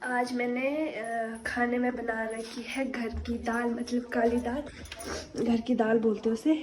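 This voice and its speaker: Fast-talking young woman vlogger, short of breath. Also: a little high, little pitch movement, darkish tone, slight background noise. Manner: fast-talking, chatty, walks and cooks while talking. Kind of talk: casual vlog chat. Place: home, rooftop and kitchen.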